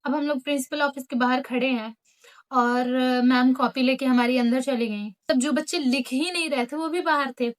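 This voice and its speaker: Teen girl, high voice, casual storytime vlog, animated, acts out quotes, English phrases mixed in. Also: normal speed. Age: late teens. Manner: animated, acts out teachers and friends in quoted lines; mixes English phrases into her talk. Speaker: vlogger telling a school story.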